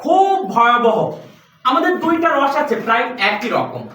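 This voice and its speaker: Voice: high-pitched, expressive, normal speed, fairly bright tone, a little hiss or hum. A recitation teacher drilling a class of children on pronunciation, patiently asking the same questions over and over. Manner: patient, quizzes students with repeated questions. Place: classroom with benches. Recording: very echoey room, distant mic.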